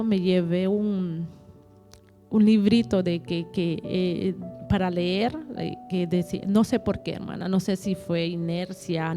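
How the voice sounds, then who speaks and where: Woman giving a halting testimony over music. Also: fairly low pitch, dark tone. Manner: halting, repeats words, acts out dialogue. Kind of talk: emotional personal testimony.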